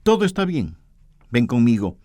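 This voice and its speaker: A man voicing a kind king who speaks softly and reassuringly in a sermon story. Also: mid-range voice, very animated, normal speed, dry recording, clean studio sound, close to an everyday voice. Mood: gentle. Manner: soft-spoken, reassuring.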